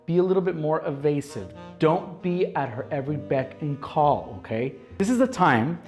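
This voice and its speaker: A man's voice: fairly high pitch, lively intonation, moderate pace, a little mellow. A man in his thirties hosting a casual dating advice vlog, blunt and bro-ish, who keeps asking "okay?" and calling his viewers "guys". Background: faint background music.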